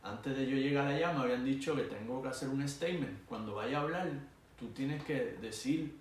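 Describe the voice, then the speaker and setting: A young man with a Puerto Rican Spanish accent tells a story out loud in a casual, lively way, and he acts out the voices of drill instructors yelling at him. He sounds a bit far from the mic, in a very echoey room with faint background noise. His pitch sits in a middle range. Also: normal speed. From Puerto Rico. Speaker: vlogger.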